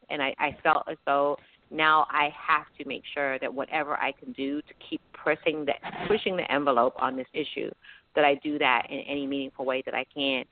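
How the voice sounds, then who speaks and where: A British-born woman raised in Florida, an educator and writer, appears as a guest on a call-in radio show, speaking earnestly and outspokenly and often restarting sentences. Her voice is deep, with a dry recording over a tinny phone line.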